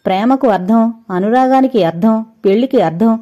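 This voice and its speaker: A woman reading an audio novel, voicing a protective older brother scolding loudly and indignantly. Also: a little high, moderate pace, highs cut off, close to an everyday voice. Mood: outraged.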